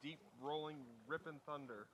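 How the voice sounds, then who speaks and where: A man vlogging casually from a wilderness campsite, chatting in a relaxed way and gently coaxing his dog. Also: a little high, moderate pace, slight background noise. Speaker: outdoor vlogger. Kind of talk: casual vlog narration.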